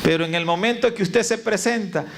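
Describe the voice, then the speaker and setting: A man preaching in a church, with a high voice and a gravelly edge. He addresses the congregation directly and runs through lists of word meanings. The recording carries a steady hiss of noise. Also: brisk. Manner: preaching with call and response to the congregation. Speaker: pastor. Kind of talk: sermon. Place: church sanctuary.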